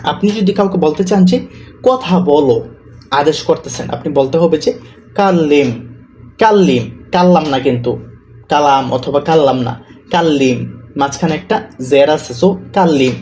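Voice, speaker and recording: A man teaching spoken Arabic, slowly repeating each example word as he explains his course notes. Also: on the high side, a little mellow, slight background noise.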